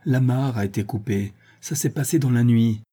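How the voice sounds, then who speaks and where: Sailor, agitated, hurried, raised voice, husky, from a male reader. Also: medium pitch, dark tone, close to an everyday voice. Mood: alarmed. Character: breathless tipsy old sailor.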